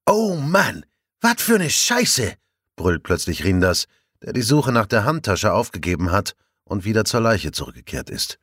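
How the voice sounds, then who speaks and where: A man voicing a coarse male police officer who shouts and uses dialect words. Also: fairly low pitch, sing-song, normal speed, slightly rough, dry recording, studio quality, exaggerated voice. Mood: shouting.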